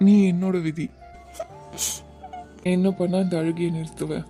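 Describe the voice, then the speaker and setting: A woman voicing a gentle young man in love, soft and coaxing, in an animated web series. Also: on the low side, unhurried, faint music behind, lightly acted. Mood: tender.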